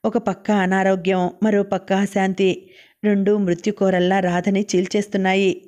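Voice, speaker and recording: A woman narrating a novel as an audiobook in a steady, even reading. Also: medium pitch, moderate pace.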